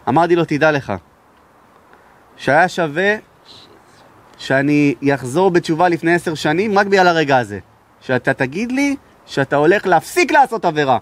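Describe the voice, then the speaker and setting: Rabbi giving a lesson, high pitch, emphatic and loud at times. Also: male voice, expressive, pauses often. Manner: raises his voice to be heard, emphatic. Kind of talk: sermon with storytelling.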